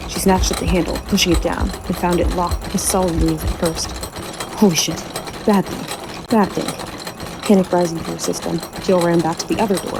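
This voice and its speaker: A woman's voice: lowish voice, vocal fry, noisy background. A woman narrating a horror audiobook with tense, dramatic storytelling. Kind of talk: scripted narration.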